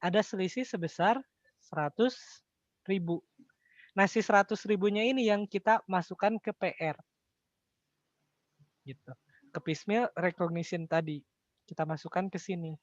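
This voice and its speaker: Speaking at normal speed with frequent pauses, an Indonesian-accented accounting tutor uses a medium-pitched voice and a relaxed, everyday tone. The lesson proceeds one step at a time, punctuated by rhetorical questions. There's no echo, and the sound comes across dry, slightly dull and close.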